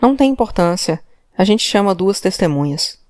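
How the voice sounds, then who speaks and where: A woman's voice: mid-range voice, animated, normal speed, a little mellow, no room sound, studio quality, close to an everyday voice. A woman voicing a stern, pressing police commissioner. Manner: insistent, interrogating, demanding. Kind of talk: audiobook character voice.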